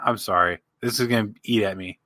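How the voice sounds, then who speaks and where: Male podcast co-host, exasperated ranter, bright forceful tone, dry close mic. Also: lowish voice, brisk, no room sound. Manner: animated, exasperated ranting with swearing. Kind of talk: casual podcast chat.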